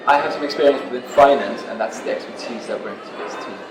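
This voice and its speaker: Measured man in an echoey room. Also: mid-range voice, distant mic, crowd noise. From Norway. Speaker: student presenter. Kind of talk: team case presentation.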